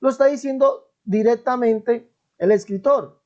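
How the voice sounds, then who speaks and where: A man's voice: very high voice, measured pace, a little mellow. A man giving an online Bible teaching commentary in an emphatic manner, repeating key phrases and often checking in with his listeners. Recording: dull lo-fi recording.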